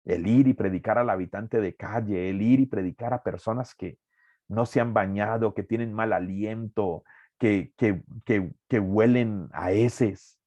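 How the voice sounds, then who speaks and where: A man's voice: on the low side, unhurried, mellow, no echo, muffled recording. A man teaching an evangelism workshop as a preacher, earnest and emphatic, repeating key phrases.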